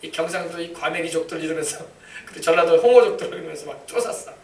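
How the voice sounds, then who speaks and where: Male pastor, quick emphatic sermon, echoey church, distant mic. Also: a little high, creaky, slight background noise. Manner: emphatic, repetitive preaching with congregation responses. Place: church sanctuary.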